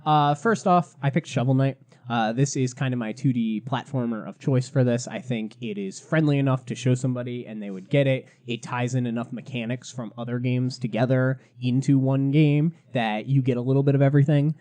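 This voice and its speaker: A young man hosting a casual gaming podcast, chatty and quick to laugh, steering the talk from topic to topic. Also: mid-range voice, steady tone, mellow. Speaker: podcast host. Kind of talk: casual chat.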